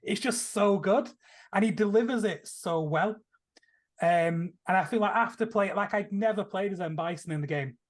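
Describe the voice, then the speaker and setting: A man with a high-pitched voice chats casually and enthusiastically about films as a podcast panelist, rambling a little at a moderate pace.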